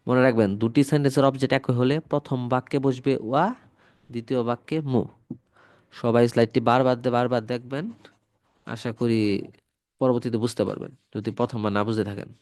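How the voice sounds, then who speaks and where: A man's voice: mid-range voice, fairly even intonation, fairly quick, a little mellow, dry recording. A man from Bangladesh with a cold, teaching a grammar lesson and patiently repeating each example step by step. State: has a cold. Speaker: Japanese language teacher. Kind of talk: grammar lesson explaining slides.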